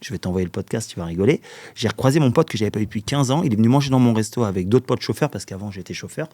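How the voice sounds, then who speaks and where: A man's voice: on the low side, animated, very fast, warm tone. A man in his forties from the Paris suburbs, a podcast guest telling long anecdotes in casual chat, with many fillers and frequent chuckles. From Paris suburbs, France. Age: 40s. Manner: rambling storyteller, filler-heavy, chuckles often.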